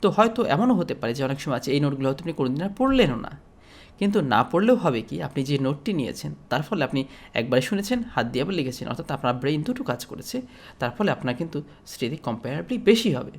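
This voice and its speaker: A man from Bangladesh giving an explanatory lecture as a teacher, speaking steadily with frequent pauses and fillers. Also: a little high, sing-song.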